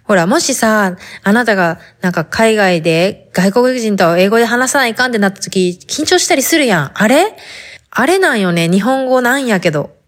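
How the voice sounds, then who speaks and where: A woman's voice: mid-range voice, expressive, normal speed. A woman hosting a podcast in a chatty, casual monologue with a Hakata dialect, talking straight to the listener. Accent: Hakata dialect Japanese. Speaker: podcast host.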